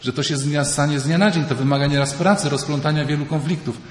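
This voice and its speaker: A man, a priest, giving a lively retreat sermon, often acting out the people he quotes. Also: fairly high pitch, fast talker. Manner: animated, mimics voices in quoted dialogue. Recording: echoey hall, faint ambience.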